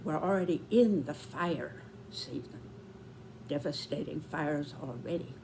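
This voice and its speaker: A woman in her nineties giving reflective spoken commentary, with deliberate, measured phrasing and pauses. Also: low voice, a little mellow, slight background noise. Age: 90s.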